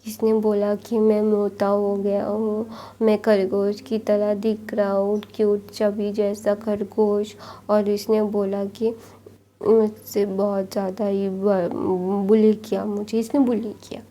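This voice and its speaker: A woman's voice: mid-range voice, monotone, slow, dark tone, close to an everyday voice. A woman voicing a pouty, easily upset young man who keeps complaining, as part of a story reading. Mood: sulky. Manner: complaining, sulky.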